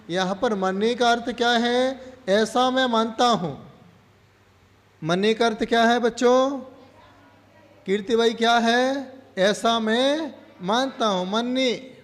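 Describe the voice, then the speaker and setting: A man's voice: extremely high pitch, long reverb tail. A man teaching a class in religious verse, asking questions, repeating the answers and leading chants syllable by syllable.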